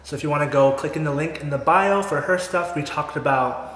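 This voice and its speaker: A man's voice: on the high side, a little fast, crowd noise. A man in his twenties hosting a casual eating vlog, chatty and upbeat, laughing often. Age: 20s. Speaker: vlogger host. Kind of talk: casual mukbang chat. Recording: echoey room, faint noise.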